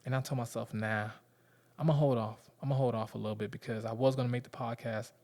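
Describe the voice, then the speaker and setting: A man's voice: medium pitch, fairly even intonation, fast, darkish tone. A man in his thirties with a Southern US accent, talking candidly and rambling to his viewers in slangy casual speech. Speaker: vlogger.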